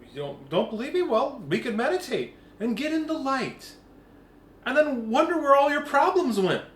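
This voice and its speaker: Animated man giving an informal spiritual talk. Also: extremely high pitch, normal speed. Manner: animated, acts out quoted voices. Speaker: spiritual group leader. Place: meeting room. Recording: echoey room with faint background hum.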